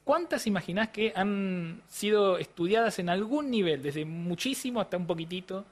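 A man's voice: high-pitched, lively intonation, moderate pace. A man with an Argentine accent answering interview questions as a language researcher, explaining in a didactic way and often checking in with the listener. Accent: Argentine Spanish. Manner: frequent restarts and hesitations. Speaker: language neuroscientist guest.

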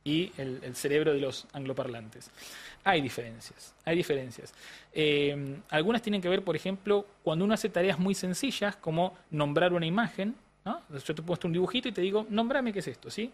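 Man, argentine accent, slightly high voice, didactic explainer, keeps asking "right?", interview guest. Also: brisk. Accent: Argentine Spanish. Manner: didactic, often checks in with "¿no?"; frequent restarts and hesitations. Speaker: language neuroscientist guest.

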